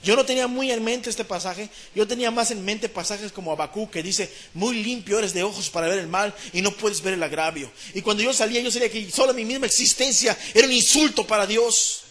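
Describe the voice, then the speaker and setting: A man with a Mexican Spanish accent preaching a sermon, swinging between hushed pleading and loud, fervent repetition. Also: high-pitched, a little fast, few pauses.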